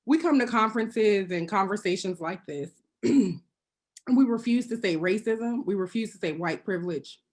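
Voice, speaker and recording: A woman giving prepared remarks as a panelist over a video call. She speaks earnestly and pointedly, with wry asides, and now and then clears her throat. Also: mid-range voice, animated, normal speed. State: occasionally choking and clearing throat.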